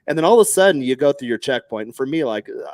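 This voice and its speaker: Fast-talking storytelling man. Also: medium pitch, no room sound. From Texas. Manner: animated, acts out other people's lines in raised voices, swears freely. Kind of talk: casual storytelling chat.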